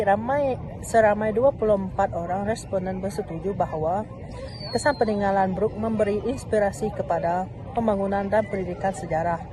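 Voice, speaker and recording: A young woman student reading a report aloud, steady and careful, with small restarts. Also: medium pitch. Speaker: student presenter. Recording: noisy recording.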